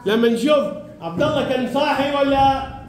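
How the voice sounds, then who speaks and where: A man's voice: very high-pitched, brisk. A man teaching a primary school lesson in a classroom, firing questions, calling pupils by name and repeating their answers.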